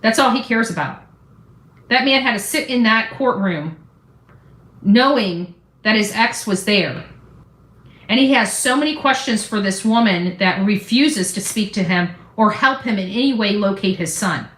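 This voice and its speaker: Unhurried and a bit bright, at a medium pitch, this woman is a YouTube true-crime commentary host offering casual, opinionated remarks. Her tone is blunt, combative and defiant, peppered with salty slang, in an echoey, roomy-sounding recording.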